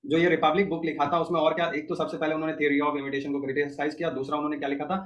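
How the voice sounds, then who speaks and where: A man lectures an online class in a fairly high voice. He builds each idea step by step and keeps pausing to ask whether his students follow. A faint hiss sits under the recording. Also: little pitch movement. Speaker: teacher.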